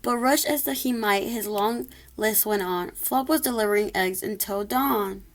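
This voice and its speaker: A woman's voice: medium pitch, moderate pace. A woman reading a rhyming children's story aloud expressively, occasionally stumbling over a word. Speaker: storybook reader.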